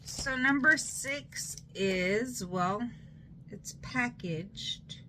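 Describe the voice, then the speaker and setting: A woman's voice: a little high, very slow, bright, forceful tone, a little hiss or hum, rough recording. A tipsy woman, rambling loosely and playfully through a casual makeup unboxing vlog. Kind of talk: casual rambling product show-and-tell.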